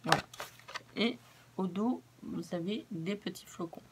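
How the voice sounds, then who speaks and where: Hoarse woman chatting through a haul. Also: mid-range voice, a little slow, a little hiss or hum. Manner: chatty, repeats words for emphasis. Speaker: craft vlogger. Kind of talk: casual product haul.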